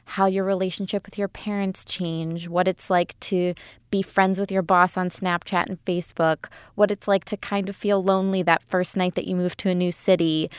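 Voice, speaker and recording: A woman's voice: fairly low pitch, clear, resonant tone, dry recording, studio quality. A woman in her twenties hosting a casual podcast chat, talking easily and laughing often. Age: 20s. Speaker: host.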